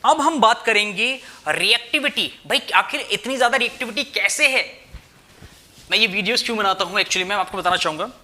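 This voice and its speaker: A young man teaches chemistry at a whiteboard in a high, bright, forceful voice, speaking a little fast. Mixing Hindi and English, he asks rhetorical questions, checks "theek hai" with the class, and addresses them as "bhai."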